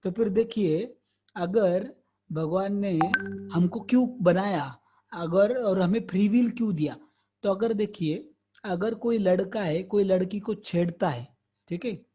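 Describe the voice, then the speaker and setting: A man's voice: high voice, measured pace, warm tone, breathy edge. A man teaching an online spiritual lesson, answering questions earnestly and explaining through examples and rhetorical questions. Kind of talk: online Q&A lecture, Hindi mixed with English. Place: online class.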